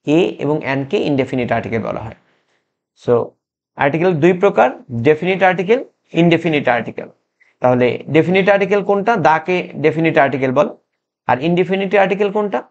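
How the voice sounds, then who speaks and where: A man teaching English grammar in a recorded lesson, explaining slowly and patiently with frequent restarts and fillers. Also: a little high, lively intonation. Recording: muffled lo-fi sound.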